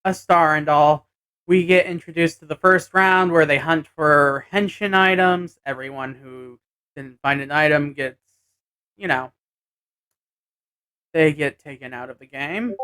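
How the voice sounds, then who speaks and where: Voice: mid-range voice, unhurried, bright, forceful tone, clear, resonant tone. A person giving a casual episode recap vlog, hesitantly thinking aloud as they go. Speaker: anime and tokusatsu episode reviewer.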